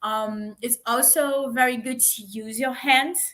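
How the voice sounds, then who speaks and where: A woman coaching people on giving pitches, with many fillers and halting restarts, speaking as an over a video call. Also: steady tone, fairly bright tone. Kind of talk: online talk on pitching.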